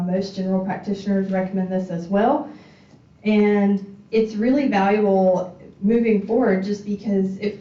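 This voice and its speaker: Here a hearing specialist chats her way through an informal community presentation, often using fillers and starting over. She has a mellow, medium-pitched voice, and the sound is roomy, distant and dull.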